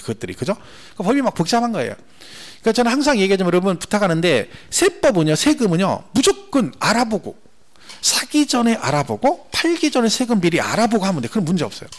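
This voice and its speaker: Male instructor lecturing an exam-prep class, brisk and lively, voice a bit higher than most men. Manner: animated, repetitive, rhetorical questions to class. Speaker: tax law instructor.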